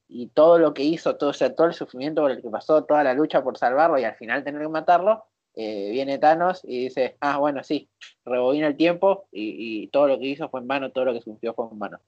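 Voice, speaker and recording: A woman's voice: extremely low pitch, animated, a little fast, a little mellow, no echo, highs cut off. A woman with a Rioplatense accent in a casual podcast chat, hesitant and thoughtful, with many fillers. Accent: Rioplatense Spanish. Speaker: podcast co-host.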